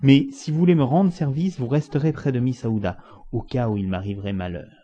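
A man reading the part of a calm, resolute English gentleman, cool and measured. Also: mid-range voice, slightly rough, natural voice. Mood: firm. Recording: dull lo-fi recording.

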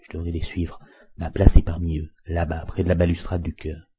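A man voicing a middle-aged village blacksmith who talks briskly and impatiently. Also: low voice, mellow, slightly rough. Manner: brisk, exclaiming. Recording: muffled lo-fi recording.

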